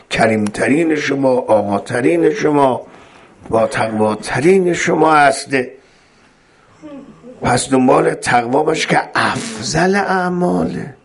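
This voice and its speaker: A man's voice: medium pitch, husky. A man preaching an earnest religious sermon, exhorting his listeners.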